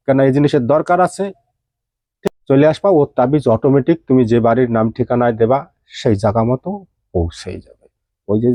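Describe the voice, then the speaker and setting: Male ritual teacher, mellow tone, dry close sound, explains each step plainly. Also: medium pitch, dry recording. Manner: steady step-by-step instructing, addressing listener informally. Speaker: tantric practitioner teaching rituals. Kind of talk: spoken ritual instructions.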